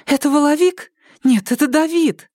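A man's voice: extremely high pitch, moderate pace, darkish tone, no room sound, studio quality, voice pushed up. A man voicing an anxious, impulsive young woman who keeps pleading and asking questions in an audiobook.

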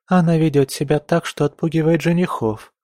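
A man voicing a tearful, petulant young noblewoman who whines, sobs and flares up quickly. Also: on the high side, steady tone, darkish tone, no room sound, studio quality, voice pushed up, natural voice. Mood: sulky. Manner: whiny and sobbing, quick to anger.

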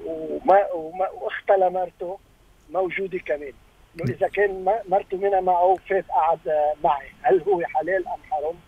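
A man calling in over the phone, asking his question in a halting, hesitant way with many restarts. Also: sits high. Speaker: caller. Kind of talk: call-in question. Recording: tinny phone line, husky.

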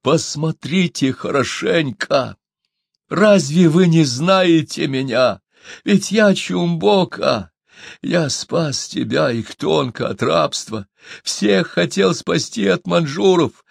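A man voicing a young male hunter who pleads desperately, his voice rising high as he cries out. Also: animated, takes it slowly, vocal fry, dry recording, studio quality, heavily acted. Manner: anguished, high and crying out.

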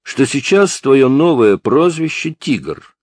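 A man playing a patient calm detective. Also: medium pitch, slow pace, no room sound, studio quality, pitched above the performer's own voice. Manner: steady, patient questioning.

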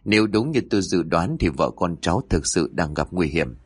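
A man's voice: low voice, animated, moderate pace, breathy edge, no room sound. A man voicing a stern elderly male exorcist who speaks in urgent, commanding tones.

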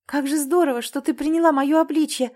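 A woman's voice: high voice, fairly even intonation, brisk, a little mellow, pitched above the performer's own voice, lightly acted. A woman voicing an emotional young woman, a sister who exclaims and sighs, in an audiobook. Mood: earnest. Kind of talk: audiobook character voice.

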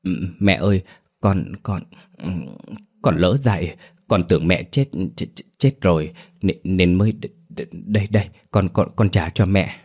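A man's voice: low-pitched, a little slow, darkish tone. A man voicing a guilty, terrified daughter-in-law who stammers in panic. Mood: stammering, terrified.

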